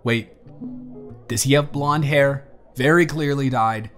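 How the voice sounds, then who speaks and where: A young adult man acts a wry, awkward but kind college student in an intimate, conversational roleplay audio, his delivery dry, teasing, and hesitant. He sounds puzzled and curious, with a medium, slightly bright voice at a slow pace. Soft music plays in the background.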